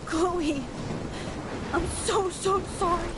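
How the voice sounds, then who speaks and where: Slow, grieving young woman. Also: extremely high pitch, heavy background noise, heavily acted. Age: young adult. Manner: halting, sorrowful, reluctant. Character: gentle, guilt-stricken young woman torn by grief. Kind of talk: dramatic video game acting. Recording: loud rain, thunder and storm behind.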